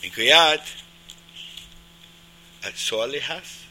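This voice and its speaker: A man's voice: mid-range voice, very noisy. A man teaching a religious class, putting questions to his listeners and answering them emphatically.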